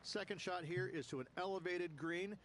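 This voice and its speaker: A man's voice: high voice, moderate pace. A man giving explanatory golf commentary as a course analyst in a video game broadcast. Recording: loud ambient noise behind.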